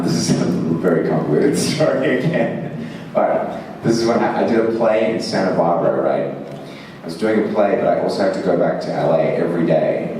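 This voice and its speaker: A man from Zimbabwe with a very low voice tells rambling, self-mocking stories to a convention crowd. He laughs often and leans heavily on fillers. The sound is picked up from a distance and rings through a big, echoing hall. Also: darkish tone, slight background noise. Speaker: actor answering fan questions on a panel. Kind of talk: convention Q&A storytelling. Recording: echoey hall, mic heard from afar.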